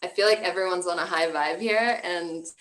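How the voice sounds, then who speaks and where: A young woman from Canada speaks from her home, leading an online workshop talk. Her voice sits a little low, and she talks in a gentle, flowing way, with soft laughs and easy fillers. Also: normal speed, rough recording. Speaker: tantra workshop teacher.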